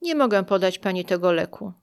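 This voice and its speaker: A woman voicing a brisk, detached female oncologist who speaks quickly and flatly. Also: mid-range voice, gravelly, smooth. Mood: curt, cold.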